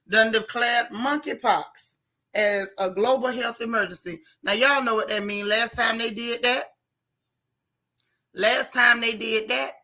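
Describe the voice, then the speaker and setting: Bright, raspy, wheezy-voiced woman streamer. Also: fairly high pitch. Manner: emphatic, preachy, repeats phrases for stress. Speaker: livestream host giving news updates. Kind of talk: casual livestream talk, answering viewer comments.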